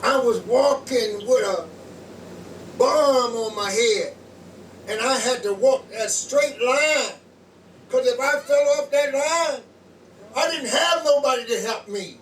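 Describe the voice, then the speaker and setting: Slow, high-voiced man preaching in an echoey room. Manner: slow preaching in short phrases, pausing for translation. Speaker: pastor. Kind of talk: sermon with interpreter. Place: small home church. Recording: echoey room from far off, loud room noise.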